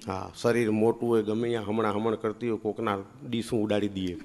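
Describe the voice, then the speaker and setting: A male comedian, telling a teasing comic story on a live stage, and his pitch and loudness swing widely. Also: level tone, a little fast, background noise.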